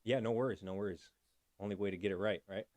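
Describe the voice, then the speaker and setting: Low-voiced man hosting a livestream. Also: steady tone, fast, darkish tone, no room sound. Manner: chatty, thanks viewers by name, talks through fixing his audio. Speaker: livestream host. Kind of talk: casual livestream chat.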